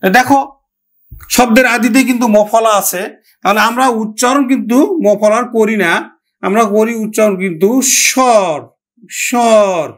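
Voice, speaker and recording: A man teaching a pronunciation lesson, talking directly to students and repeating example words slowly. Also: high voice, a bit bright. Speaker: Bengali language teacher. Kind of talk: classroom-style grammar lesson.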